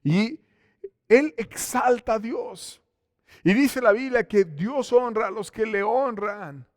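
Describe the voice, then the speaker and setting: A pastor delivers an emphatic sermon in a fairly high voice for a man. He rises to loud exclamations, then drops to hushed, intimate asides. The sound is close and dry. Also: lively intonation, slow pace, no echo. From Mexico. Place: church.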